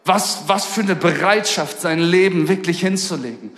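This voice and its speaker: A man's voice: high voice, moderate pace, a bit bright. A man preaching a sermon in a casual, slangy storytelling way, fervent about his message. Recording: echoey hall with long reverb.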